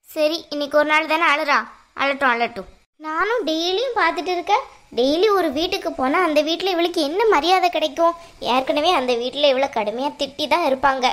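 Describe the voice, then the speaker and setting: A woman plays a stern cartoon mother-in-law with a high voice. She lectures and scolds at length in a firm tone. Under the strictness she quietly cares for her daughter-in-law. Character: stern middle-aged mother-in-law, secretly caring. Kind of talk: cartoon voice acting.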